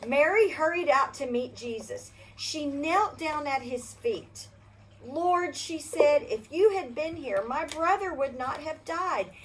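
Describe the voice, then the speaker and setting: Reading a Bible story to children, an older woman uses a gentle storybook style and pauses to ask the kids questions. Her voice is high, animated and slow, and the audio quality is poor.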